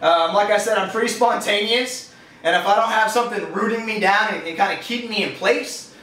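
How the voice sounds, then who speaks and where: A man in his twenties from California, who owns a fitness business, answers interview questions in a casual, rambling, slangy way. His voice sits high, sharp and fairly quick, with a Californian accent, picked up by a distant mic in an echoey space.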